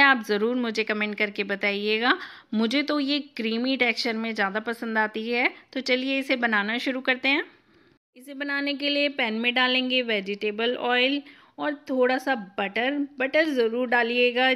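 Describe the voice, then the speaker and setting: Female cooking host, fairly high and crisp, instructive recipe voice-over. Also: pushed and bright. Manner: clear step-by-step instructive.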